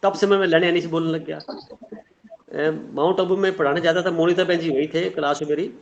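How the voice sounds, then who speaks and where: Teaching an online spiritual class, a middle-aged man speaks briskly in a fairly high, gravelly voice with fairly even intonation. He earnestly draws on sayings and everyday examples, and the audio is dull and lo-fi.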